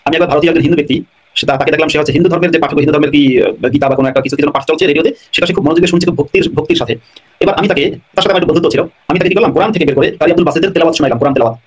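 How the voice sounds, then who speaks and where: Man, fast and husky, somewhat high, explaining, repeats phrases. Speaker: guest scholar answering questions. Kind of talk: live online talk, answering callers.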